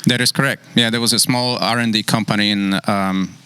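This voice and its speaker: A man's voice: lowish voice, fairly even intonation, fairly quick, bright, forceful tone, clear, resonant tone. A man from Poland with a Polish accent, a brewery co-founder giving short, agreeable interview answers. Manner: brief, agreeable replies.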